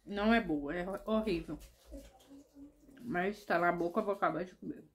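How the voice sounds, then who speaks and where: A woman's voice: fairly low pitch, normal speed, a little hiss or hum. A woman chewing while she talks in a casual taste-test vlog, chatting straight to her viewers. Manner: chatty, addresses viewers directly. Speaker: vlogger.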